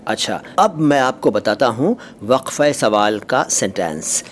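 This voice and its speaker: Male language tutor, medium pitch, animated intonation, unhurried explanatory delivery, recorded on a phone in a train with faint noise behind. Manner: explanatory, with frequent hesitations and pauses. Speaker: language teacher and channel host. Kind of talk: casual vlog-style vocabulary lesson. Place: inside a moving train.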